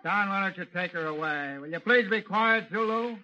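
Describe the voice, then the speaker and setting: A man's voice: high-pitched, moderate pace, bright, forceful tone. A man doing 1930s radio comedy as a columnist, blustering and grumbling asides. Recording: old lo-fi radio recording with hiss.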